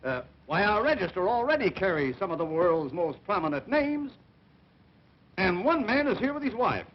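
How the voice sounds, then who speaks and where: High-voiced brash comic schemer, early talkie. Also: male voice, sing-song, moderate pace. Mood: grandiose bluffing. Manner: boastful, grandiose. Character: brash fast-talking male comic schemer, boastful and cocky. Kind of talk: early talkie film comedy acting. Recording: dull, noisy 1930 film soundtrack.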